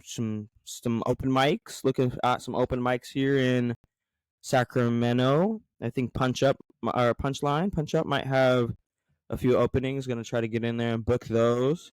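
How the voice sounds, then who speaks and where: Casual American man, clear dry voice. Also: medium pitch, darkish tone, no room sound. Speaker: podcast host. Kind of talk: casual solo podcast monologue. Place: garage.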